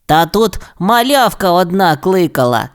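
A man voicing a tough old grandmother dinosaur in a children's audio story, speaking slowly, calmly and firmly. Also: high-pitched, clear, resonant tone, voice pushed up.

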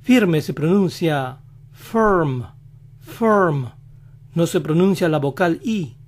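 Male language teacher, slightly high voice, very slow and careful delivery, repeats example words. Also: expressive, warm tone. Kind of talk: slow instructional explanation.

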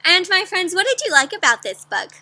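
Her pitch extremely high, a young woman reads a picture book aloud to children outdoors in a garden or yard, caught in a dry recording. She pauses to quiz them in an animated, teacherly way, addressing the kids as friends.

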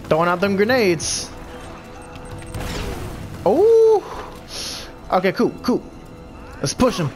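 Soft music plays behind a young man with a congested, high-pitched voice whose pitch swings hugely. Hosting a let's play, he takes it slowly, pausing often, while loosely cursing out enemies.

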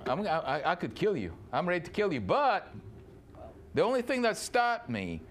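A man's voice: high-pitched, sing-song, normal speed, a little hiss or hum, pitched above the performer's own voice. A man voicing an emotional old father-in-law who swings from tearful pleading to threats. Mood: threatening.

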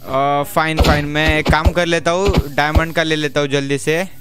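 Excitable young man streaming a game. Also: fairly high pitch, normal speed. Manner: excitable, pleading and joking in bursts. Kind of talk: casual live game stream commentary. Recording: game music playing behind the voice.

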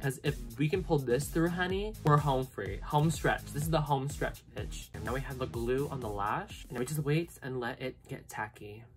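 A woman's voice: rumbling low, normal speed, hardly any pauses. A woman filming a makeup tutorial in casual chat, sassy and profane, full of dramatic exclamations. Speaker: makeup vlogger. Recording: music playing underneath.

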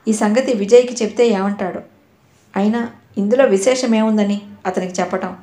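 A woman narrating an audio novel with a steady storytelling manner. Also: mid-range voice, moderate pace. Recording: roomy echo.

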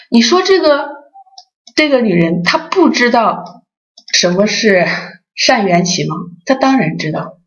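讲故事生动的女法师. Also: female voice, mid-range voice. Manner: lively storytelling, acts out voices. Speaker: Buddhist association president teaching dharma. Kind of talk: dharma talk. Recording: dull lo-fi recording.

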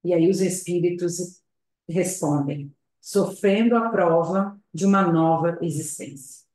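A woman gives a public talk at a spiritist center over a video call. She speaks in a slow, reflective, hesitant way, often adding tag questions. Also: fairly low pitch, warm tone. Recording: very echoey room.

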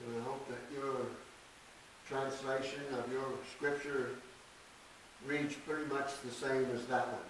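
An older man preaching a sermon at a church podium, reading scripture slowly and deliberately with emphatic stresses. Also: medium pitch, level tone, fairly bright tone. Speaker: pastor. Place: small church sanctuary. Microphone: podium mic from a distance. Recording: echoey church, distant mic, faint hiss.

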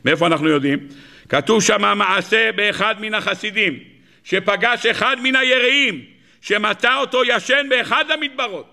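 High-pitched rabbi teaching torah, gravelly voice, keeps asking the crowd questions, lively storytelling. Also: male voice. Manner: animated storytelling with rhetorical questions to the listeners. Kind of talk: Torah lesson.

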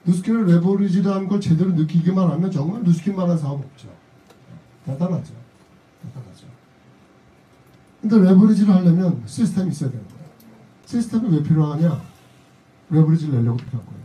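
A man's voice: sits high, lively intonation, fast, warm tone. A middle-aged man giving a motivational seminar speech to a live audience, emphatic and repeating his key phrases, often slipping into blunt casual talk. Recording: voice a bit distant from the mic.

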